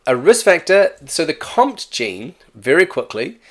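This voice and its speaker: A man's voice: a little high, very animated, measured pace, a bit bright. A man with an accent giving a casual, chatty exam-prep lesson, often correcting himself and asking "right?". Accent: non-native or regional English accent. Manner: chatty, self-correcting, with frequent "right?" asides. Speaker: teacher.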